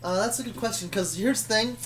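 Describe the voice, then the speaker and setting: Someone tells stories set in a fictional universe of their own, rambling casually and hesitantly with frequent self-corrections. Their medium-pitched voice runs a little fast over slight background noise.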